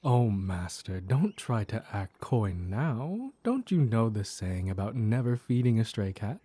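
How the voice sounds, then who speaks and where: A man voicing a mischievous, flirtatious mad cat in an intimate roleplay audio, teasing with coy pet names in a soft, husky purr. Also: lowish voice, big pitch swings, measured pace, dry recording, heavily acted. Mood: flirtatious, possessive.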